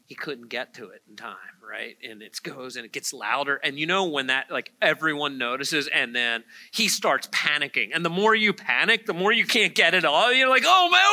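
A male pastor delivers a sermon in a church sanctuary, talking to the congregation in a casual, animated way. His voice sits high and sounds very bright and forward. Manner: animated, conversational preaching with asides to the congregation.

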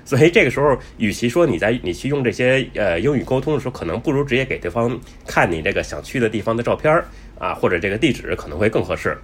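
Male travel vlogger, husky, lively pitch, chatty with lots of fillers. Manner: chatty, many fillers and restarts; says he talks fast. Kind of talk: casual explanatory talk.

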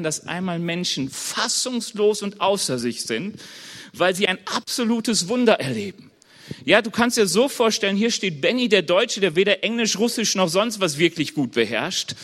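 Man with a notably high voice for the preacher role; casual sermon delivery that gropes for words. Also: fairly bright tone. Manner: informal, searching for words, chuckles now and then. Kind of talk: conversational sermon.

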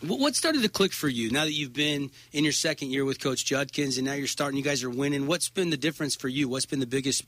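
A man hosting a sports radio show in a studio, chatty and lively, often stumbling and repeating words as he interviews guests. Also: medium pitch, fast talker, hardly any pauses, no room sound.

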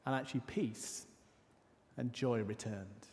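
A man preaching a sermon, his voice carrying a long reverb through the church hall. He tells stories with dramatic pauses and drops into quiet, hushed asides, at a mid pitch for a man. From north of England.

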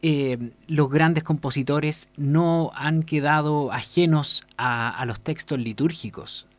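Man, radio host, earnest unscripted talk, slightly high voice, dry close mic. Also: slow, no echo. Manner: unscripted, frequent fillers and restarts, earnest recommending. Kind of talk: casual spoken commentary.

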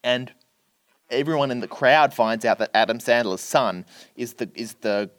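A man's voice: medium pitch, moderate pace, no room sound, clean studio sound. Man animatedly retelling a film plot. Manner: animated storyteller, acts out characters' lines.

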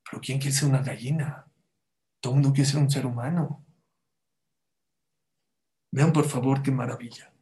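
A man's voice: mid-range voice, fairly even intonation, normal speed, long pauses, mellow. A man giving a sermon as a rabbi, telling stories and asking the audience rhetorical questions.

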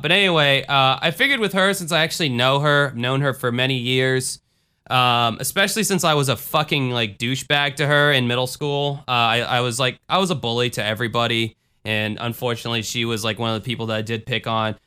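Bright, clear-voiced casual male podcaster. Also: mid-range voice. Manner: informal, profane, conversational. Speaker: podcast host. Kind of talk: casual podcast talk with reading aloud.

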